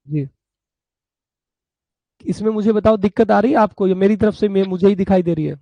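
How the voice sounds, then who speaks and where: High-voiced gravelly male teacher. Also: moderate pace, warm tone, no room sound. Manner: acts out buyer and seller in a story, chatty and fatherly with students. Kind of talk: live online class.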